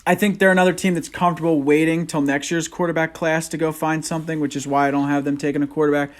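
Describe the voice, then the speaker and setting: Easygoing higher-voiced man. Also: level tone, fast. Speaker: sports podcast co-host. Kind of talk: casual sports chat.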